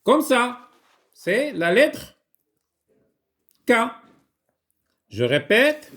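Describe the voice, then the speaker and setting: A man with a Moroccan accent teaching a writing lesson to young children, slowly repeating words for them to echo. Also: very high-pitched, huge pitch swings, fairly bright tone.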